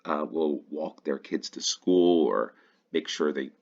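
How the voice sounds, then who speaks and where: An American man talks through a geography game in a relaxed, thinking-aloud way, often correcting himself. His voice sits extremely low with a gravelly fry. It comes through a slightly dull, lo-fi mic. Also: slow. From United States. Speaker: GeoGuessr player and host. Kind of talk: casual gameplay commentary.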